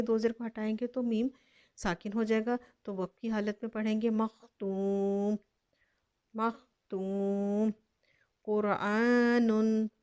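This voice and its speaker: A woman teaching Quran recitation, slowly sounding out each word twice and explaining every step patiently. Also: medium pitch, warm tone. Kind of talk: slow step-by-step lesson.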